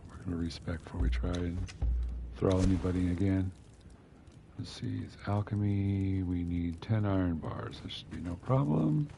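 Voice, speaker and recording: A man's voice: sits low, moderate pace, gravelly, background noise. A man giving casual, muttering commentary while playing a game, with wry asides. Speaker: game streamer.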